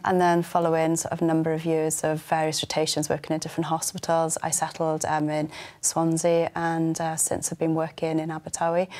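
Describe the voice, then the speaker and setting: Flat, low-voiced woman physiotherapist. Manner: measured, with many "um" pauses. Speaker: advanced physiotherapist. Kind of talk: studio interview guest. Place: TV studio. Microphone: lapel.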